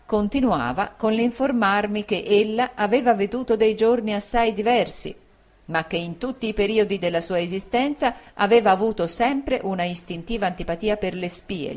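A woman reading a classic novel aloud in a measured, expressive way. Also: medium pitch. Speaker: audiobook narrator. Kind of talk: scripted literary narration.

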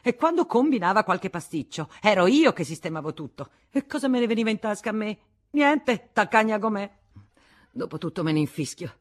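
A narrator voicing a bitter, scheming older spinster in a storybook reading, short of breath. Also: female voice, low-pitched, expressive, moderate pace. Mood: ranting. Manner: vehement, spiteful, breathless outbursts. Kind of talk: audiobook character voice.

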